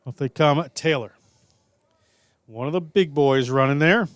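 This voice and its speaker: A man calling live rugby play-by-play in a brisk, jokey way. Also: a little high, no echo, studio quality. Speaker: play-by-play commentator.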